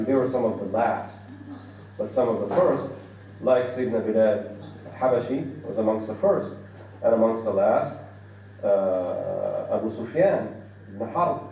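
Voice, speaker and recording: This mellow, mid-range male voice belongs to an American Islamic lecturer. He unpacks Arabic words with vivid, everyday comparisons. Faint noise and the reverb of a large hall come through a distant microphone.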